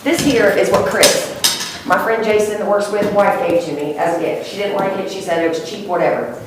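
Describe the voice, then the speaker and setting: A woman's voice: medium pitch, fairly even intonation, brisk, recorded from a distance. A woman testifying in court, rambling and emotional, with many fillers. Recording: echoey courtroom heard from afar, noisy.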